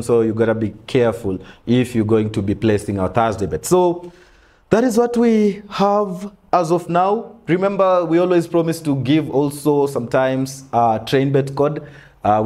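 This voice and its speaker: A young man hosting a sports betting-tips show in a small studio, running through picks in a relaxed, casual way. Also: mid-range voice. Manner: relaxed, lists picks with frequent "mm" backchannels. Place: small studio in front of a brick wall backdrop.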